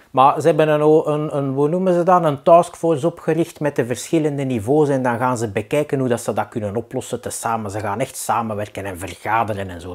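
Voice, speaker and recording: Deadpan Flemish man rambling comically. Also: mid-range voice. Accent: Flemish Brabant. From Pajottenland, Flemish Brabant, Belgium. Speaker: comedy vlog host. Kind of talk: comic monologue.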